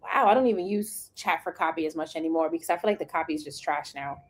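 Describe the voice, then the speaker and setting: A woman hosting a casual live chat, sassy and animated, acting out what she says to the software. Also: sits low, fast. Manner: animated, sassy, acts out quotes. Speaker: host.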